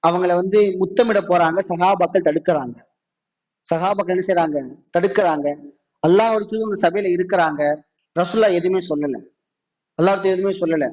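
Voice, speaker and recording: A man with a Tamil accent delivers a mosque sermon in a high voice. He asks the listeners question after question and draws out his quotations. The recording sounds dull and lo-fi. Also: a little mellow. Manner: rhetorical questions, slows down for Arabic quotes. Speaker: preacher.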